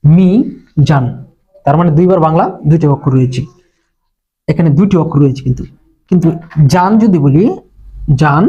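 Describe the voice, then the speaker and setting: A man from Bangladesh teaching an exam-prep language lesson, speaking slowly and repeating words syllable by syllable. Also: fairly high pitch, mellow, slightly rough. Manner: slow, repetitive, breaks words into syllables. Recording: dull lo-fi recording.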